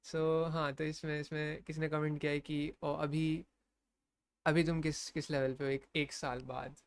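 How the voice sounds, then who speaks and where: A man's voice: a little high, flat delivery, moderate pace, clear, resonant tone. A young man with an Indian accent, casually rambling about competitive programming, mixing Hindi and English.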